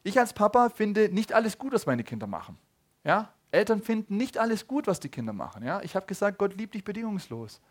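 A man in his thirties preaching a sermon, swinging between loud appeals and soft low asides, often asking the audience questions. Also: very animated, brisk. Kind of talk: sermon to a congregation.

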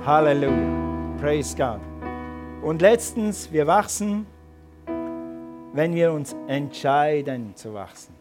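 A man's voice: fairly high pitch, very animated, takes it slowly, long pauses, over music. A man preaching a sermon and calling his congregation to respond. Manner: preaching with rising emphatic calls to the congregation. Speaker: pastor.

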